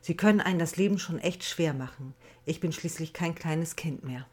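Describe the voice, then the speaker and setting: A woman's voice: low voice, moderate pace, breathy edge. A woman voicing a defiant, easily irritated eighteen-year-old schoolgirl in a storybook reading. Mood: grumbling. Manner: grumpy, defiant.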